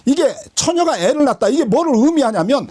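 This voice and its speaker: A man's voice: extremely high pitch, very animated, brisk, darkish tone. A man, a pastor, giving a conversational Bible study lecture, checking often that listeners follow and mixing in slangy, joking asides. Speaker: pastor teaching a Bible class.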